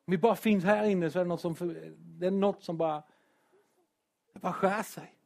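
A pastor preaches in church with earnest emotion, rising to shouts when he presses a point. His voice sits a little high for a man. He breaks up the heavy moments with self-deprecating humor. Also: fairly even intonation, creaky. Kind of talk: sermon.

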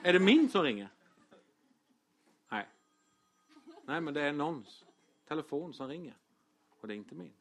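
High-voiced man preaching. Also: lively intonation, long pauses, a bit bright. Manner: chatty storytelling with humor and fillers. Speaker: pastor. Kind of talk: sermon.

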